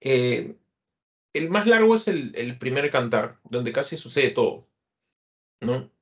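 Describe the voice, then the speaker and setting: A man's voice: mid-range voice, very animated, slow. A man teaching a literature class online, explaining verse and rhyme in a patient lecturing style, with many fillers and tag questions. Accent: Peruvian Spanish.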